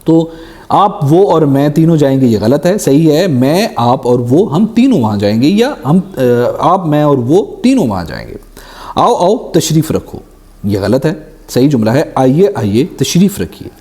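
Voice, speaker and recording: A young man teaching a grammar lesson for exam preparation. His voice sits somewhat high and moves around a lot, with a dark, mellow tone. He reads each sentence slowly before explaining the correction, dropping in English phrases. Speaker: Urdu teacher.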